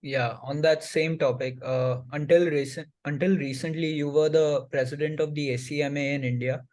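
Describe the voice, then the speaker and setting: A man's voice: fairly high pitch, steady tone, moderate pace, darkish tone. A man interviewing in a formal way, asking prepared questions and stumbling a little over the wording.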